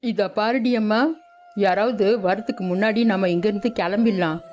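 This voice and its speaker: A woman voicing a greedy, scheming middle-aged mother-in-law who talks in a bossy, hushed, conspiratorial way in a cartoon story. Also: mid-range voice, normal speed, natural voice. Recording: dull lo-fi audio with background music.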